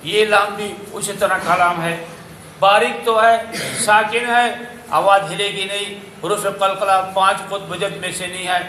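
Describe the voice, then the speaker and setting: Pakistani Urdu-accented male Quran teacher; high, bright, sharp; repeats syllables to correct students; echoey classroom. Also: steady tone, slight background noise. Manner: corrects pronunciation by repeating syllables, then chants verses slowly. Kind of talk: classroom tajweed drill. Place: madrasa classroom.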